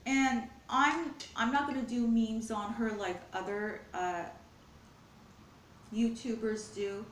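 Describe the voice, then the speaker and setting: A woman's voice: a little high, steady tone, slow pace, roomy sound, slight background noise. A woman chatting casually in a vlog while eating, earnest and rambling, sometimes talking with her mouth full. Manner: earnest, rambling, spiritual musing. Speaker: mukbang vlogger. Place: home, at a glass table.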